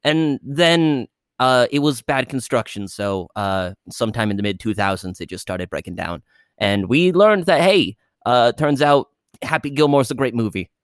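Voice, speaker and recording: A man's voice: medium pitch, animated, moderate pace, dry recording, clean studio sound. A man in his thirties, guest in an improvised comedy interview, who stammers and rambles in a flustered way. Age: 30s.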